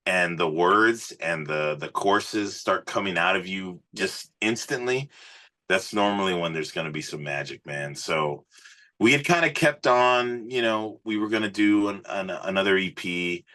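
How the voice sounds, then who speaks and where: Speaking unhurriedly, this man sounds like a musician sitting for an interview. His low, forceful voice carries an earnest, informal story told conversationally and dotted with fillers. He's a singer on a podcast as a guest.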